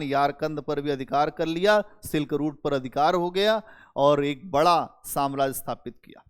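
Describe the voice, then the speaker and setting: A male history teacher giving a lively, conversational classroom lecture and talking straight to his students. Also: a little high, clean tone. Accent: Hindi-speaking North Indian. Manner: animated, conversational, addresses students directly.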